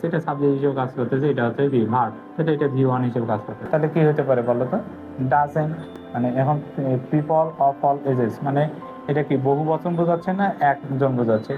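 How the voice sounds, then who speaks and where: Man teaching grammar over a tinny line. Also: medium pitch. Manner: asks questions and answers them himself; repeats words slowly. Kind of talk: whiteboard grammar lesson. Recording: phone-like lo-fi audio with faint music.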